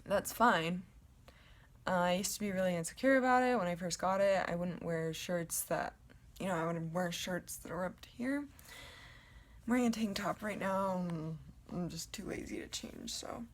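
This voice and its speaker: A young woman vlogging casually at home to a camera, with a low voice and a rambling, chatty way of talking full of ums. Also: moderate pace. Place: at home, indoors in her apartment. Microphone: camera in front of her.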